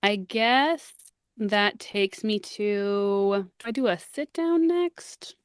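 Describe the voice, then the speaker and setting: A woman's voice: mid-range voice, slow, clear, resonant tone, no room sound, studio quality. A woman chatting casually as a panelist in a draft game. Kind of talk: casual chat.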